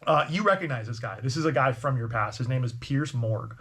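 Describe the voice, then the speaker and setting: A man's voice: mid-range voice, expressive, fairly quick, fairly bright tone, husky. A man narrating as game master of a tabletop game, in loose, rambling speech full of fillers.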